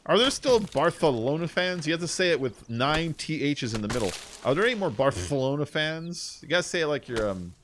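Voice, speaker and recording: Animated, joking streamer guy. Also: a little high, moderate pace, a little hiss or hum. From United States. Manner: rambling, jokey, laughs often. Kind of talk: casual chat while gaming.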